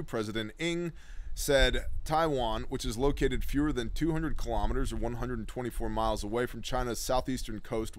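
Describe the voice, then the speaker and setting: A man's voice: medium pitch, dry recording. A middle-aged man hosting a preparedness show, reading news articles aloud and breaking in with blunt, sarcastic remarks, recorded on a desk webcam. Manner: sardonic, blunt asides between read passages.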